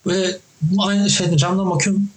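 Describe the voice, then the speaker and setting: A young man chatting casually as a host, his voice sitting a little higher than most men's. He tells stories with lively energy and swears freely along the way. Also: brisk, echoey room, poor audio. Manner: animated storytelling, swears casually. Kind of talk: casual chat.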